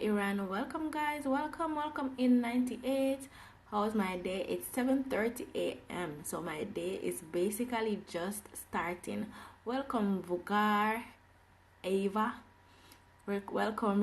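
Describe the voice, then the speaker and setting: Woman from Jamaica, online English teacher, upbeat and welcoming, slightly high voice, phone stream. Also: slight background noise. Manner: cheerful, repeats welcomes to viewers. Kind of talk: live online English class, greeting viewers.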